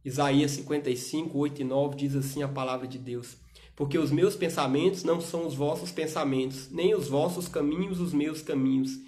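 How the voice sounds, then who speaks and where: A man with a somewhat high voice preaches in a livestream sermon. He pushes hard with loud rhetorical questions, then drops to quiet, intimate asides, always speaking straight to the young people watching. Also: fairly even intonation, a little fast. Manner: emphatic, rhetorical questions, shifts between loud urging and soft asides.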